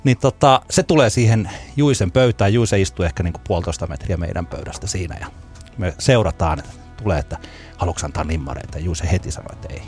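Low-voiced man telling a story. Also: soft background music. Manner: relaxed storyteller, laughs at his own tale. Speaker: podcast co-host. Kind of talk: casual anecdote telling.

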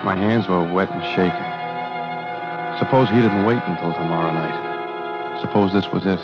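A man's voice: low-pitched, normal speed, close to an everyday voice. A man playing a grim, wary carnival showman who narrates his own story in tense, clipped, hard-boiled lines, in an old radio drama. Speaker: narrator and lead character. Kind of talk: 1940s radio acting. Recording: dull lo-fi old radio recording with music.

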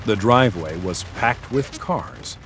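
A man giving a lively, wry scripted narration of an audio fiction story. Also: fairly low pitch, unhurried, soft background music.

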